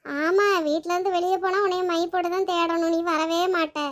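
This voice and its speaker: A woman's voice: extremely high pitch, fairly even intonation, a little fast. A woman voicing a bossy, quarrelsome old mother-in-law in a cartoon, speaking. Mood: scolding. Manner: scolding, demanding, picks fights.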